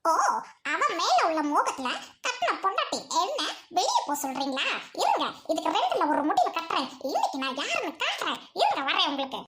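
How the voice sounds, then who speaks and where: A woman's voice: extremely high pitch, wildly swooping pitch, brisk, very noisy, voice pushed down, heavily acted. A woman playing a jealous, taunting young wife. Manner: mocking, sarcastic, scornful laughs.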